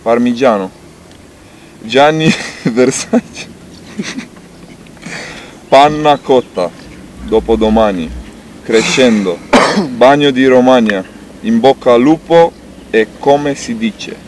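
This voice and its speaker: A man's voice: mid-range voice, pauses often, darkish tone, slight background noise. A man, a footballer, playfully reading a list of words in a casual interview.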